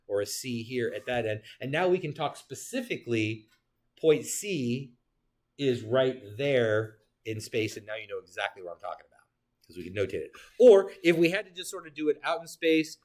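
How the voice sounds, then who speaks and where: Lively male geometry teacher lecturing. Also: mid-range voice, moderate pace. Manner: animated, joking asides, talks to students. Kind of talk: classroom lecture.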